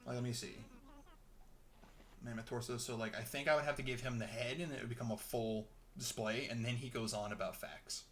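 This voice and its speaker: A man's voice: mid-range voice, steady tone, brisk, fairly bright tone, faint music behind. Rambling, chatty young man. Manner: rambling, chatty, with frequent chuckles. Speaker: gameplay commentator. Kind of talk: casual let's-play commentary.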